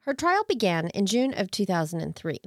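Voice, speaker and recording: A woman's voice: mid-range voice, big pitch swings, a little fast, faint music behind. A woman co-hosting a true crime podcast, moving between narration and incredulous, sardonic casual commentary. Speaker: podcast co-host.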